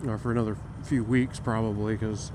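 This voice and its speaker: A man's voice: lowish voice, level tone, a little fast. A man chats casually and profanely in a rambling way while riding, recorded on a mic inside his motorcycle helmet. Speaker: motorcycle vlogger. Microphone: microphone taped to helmet. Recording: wind and engine noise, helmet mic.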